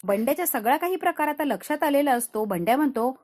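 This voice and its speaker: A woman's voice: sits high, fast talker. A woman narrating a storytelling recap of a TV serial episode, switching into the characters' dialogue. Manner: lively retelling with voiced dialogue.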